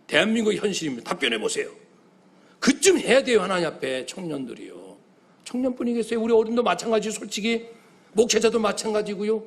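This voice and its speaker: Animated preaching man, lively high voice. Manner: animated preaching, acting out young people's cries to God; swings between loud exclamations and quiet asides. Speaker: pastor. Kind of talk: sermon.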